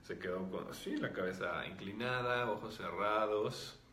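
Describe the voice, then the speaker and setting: Brief: spiritual teacher, relaxed explanatory chat, lowish voice. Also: male voice, measured pace, echoey room, a little hiss or hum. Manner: calm, explanatory, with many fillers. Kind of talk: casual talk answering viewer comments.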